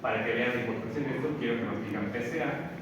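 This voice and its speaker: A man's voice: mid-range voice, racing, far from the mic. A man teaching a class, explaining an assignment step by step and working through examples. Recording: echoey room, voice from afar, background noise.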